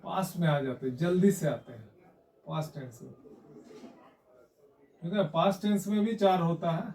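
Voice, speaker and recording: Guy teaching grammar, high voice, keeps asking haan? theek hai?, echoey room from far off. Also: darkish tone. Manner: explains slowly, repeats and checks with "haan?" and "theek hai?". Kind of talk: classroom lesson.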